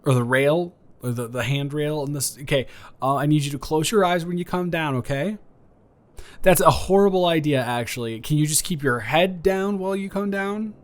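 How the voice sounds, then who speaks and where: A man with a fairly high voice, speaking at a normal pace and sounding natural, improvises the role of a kind, awkward, flirty neighbor. He stammers, rambles, and corrects himself in a casual, conversational way. His mood comes across as careful and attentive.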